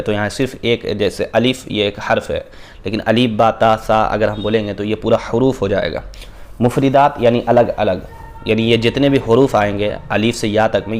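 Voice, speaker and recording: A man, teaching a beginners' Quran reading lesson, patiently explaining and repeating Arabic letters slowly and drawn out. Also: lowish voice, darkish tone.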